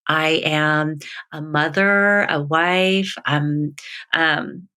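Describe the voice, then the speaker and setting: A woman's voice: low-pitched, fairly even intonation, bright, forceful tone, clear, resonant tone. A woman from Texas, a runner appearing as a podcast guest, talking thoughtfully with frequent laughs and hesitations. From Texas, United States. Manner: slow, thoughtful, laughs often, hesitant fillers. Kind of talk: casual interview chat.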